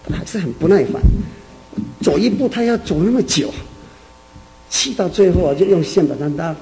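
Gravelly-voiced elder telling a sermon story. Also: male voice, sits high, lively intonation, darkish tone, rough recording. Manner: folksy, drawn-out storytelling with many particles. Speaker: church elder preaching.

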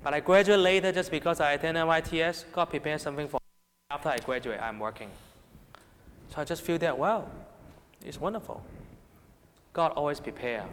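A fairly high, slightly bright male voice with a Hong Kong Cantonese accent carries a sermon to young people. The delivery is emphatic, with the voice often rising and falling, plus rhetorical questions and repeated check-ins with listeners. The recording has long hall reverb and a little hiss or hum.

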